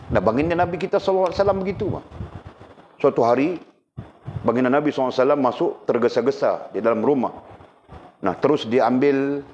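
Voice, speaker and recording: Middle-aged guy preaching, lively, keeps asking the crowd stuff, dull lo-fi recording w faint hiss. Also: medium pitch. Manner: lively, asks the audience questions. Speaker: religious teacher. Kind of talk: sermon.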